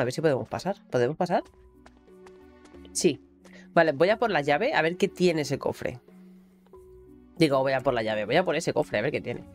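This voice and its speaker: A woman's voice: low-pitched, a little mellow. Exclamatory Spain Spanish woman gamer. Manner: chatty, exclamatory, swears casually. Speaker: gaming streamer. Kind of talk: casual gameplay commentary. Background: faint game music.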